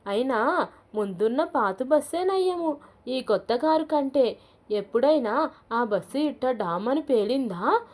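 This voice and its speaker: A fussy old mother-in-law in a storybook reading, quick to fret and grumble, as a woman narrator puts her on. Her voice sits a little high and asks anxious, blunt questions. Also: animated, darkish tone. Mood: grumbling. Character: fussy elderly mother-in-law, easily flustered.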